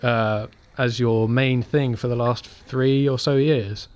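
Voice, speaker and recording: A man's voice: medium pitch, fairly even intonation, slow, a little mellow, a little hiss or hum. A man hosting an interview, reading a scripted introduction and then giving short replies. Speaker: interview host.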